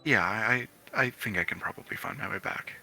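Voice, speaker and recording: A man playing a polite young heroine who keeps apologizing for being a bother, her voice bright and sharp-edged. The voice is low-pitched and close to his own everyday speech, as in a tabletop game. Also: a little fast, gravelly, soft background music, full character voice. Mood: hesitant. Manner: polite, self-effacing, hesitant. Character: young woman player character, eager to please.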